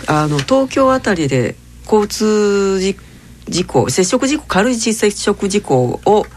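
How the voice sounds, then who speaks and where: High-voiced man co-hosting a casual chat. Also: slow, slight background noise. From Kansai, Japan. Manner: attentive listener, short steady backchannels.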